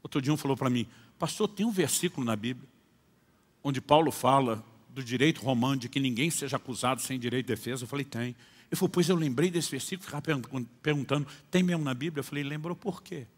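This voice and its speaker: A male pastor preaching a sermon, telling stories and acting out dialogues, moving between hushed and loud delivery. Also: medium pitch, fast. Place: church conference hall. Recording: long hall reverb.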